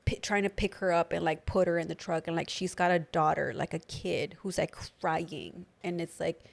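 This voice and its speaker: A woman's voice: on the low side, fairly even intonation, normal speed, creaky. Chatty woman with a slight lisp. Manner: chatty, lots of "like" fillers. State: slight lisp from new dental aligners. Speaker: podcast co-host. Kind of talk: casual chat.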